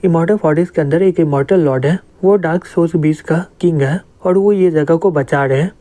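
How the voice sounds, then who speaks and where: A man's voice: a little high, a little fast, warm tone, natural voice. A man voicing an earnest young woman warrior, the last survivor of her tribe, set on revenge. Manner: earnest, pleading.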